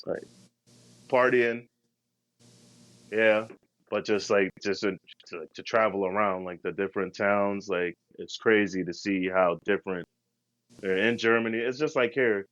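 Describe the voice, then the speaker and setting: A man's voice: on the low side, steady tone, a little slow, long pauses, fairly bright tone, no room sound, muffled recording. A man co-hosting a podcast, telling travel stories in a slangy, laid-back, rambling way. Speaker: podcast co-host. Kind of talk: casual travel storytelling.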